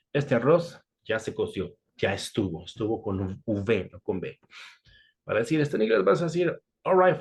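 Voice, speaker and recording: A man's voice: medium pitch, a little mellow. A man teaching English idioms in a casual online lesson, with playful asides. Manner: playful, switches between Spanish and English, joking asides.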